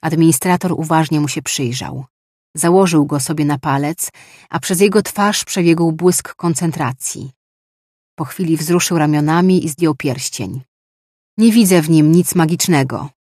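Measured audiobook narrator, dry. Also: mid-range voice, a little mellow, no echo. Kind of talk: scripted narration.

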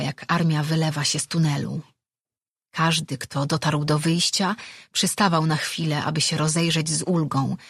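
A man reading a fantasy audiobook as narrator, in slow, measured scripted narration. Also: a little high, a bit bright, husky, no echo, clean studio sound.

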